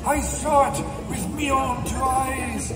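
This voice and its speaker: Hearty old pirate, very high for a man, drawn-out, excitable, echoey, loud music. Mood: hearty, urgent. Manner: salty pirate talk. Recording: echoey distant playback under loud music.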